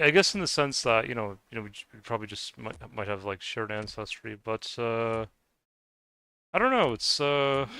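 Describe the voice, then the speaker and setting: With a medium-pitched, pushed, bright voice and clean tone, and no room sound, a young man with a slight Scottish-tinged accent comments on a game he's playing. This gaming video creator's talk is casual and rambling, hesitant, full of restarts and trailing off.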